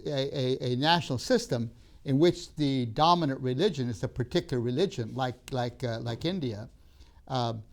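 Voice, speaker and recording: An older man who grew up in Tanzania gives a recorded seminary lecture, speaking in measured, emphatic phrases with pauses, "uh"s and restarts. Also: medium pitch.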